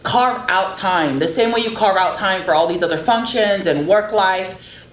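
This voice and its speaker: In a roomy recording with faint background noise, a woman hosting a podcast chats interview-style about faith and family. Her voice is medium-pitched, her pace moderate, and her tone earnest and encouraging.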